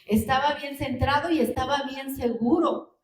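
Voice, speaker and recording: High-voiced woman preaching in an echoey hall. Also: moderate pace. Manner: asks the congregation rhetorical questions. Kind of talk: sermon. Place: church hall. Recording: roomy hall, distant mic.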